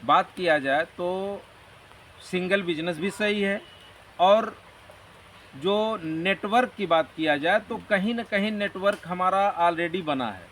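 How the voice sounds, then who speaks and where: A man's voice: high-pitched, slow, a bit bright. A man being interviewed, talking earnestly and at length in a motivational way. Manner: earnest, motivational, rambling explanations. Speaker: interview guest. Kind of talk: conversational interview. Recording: distant mic with faint background noise.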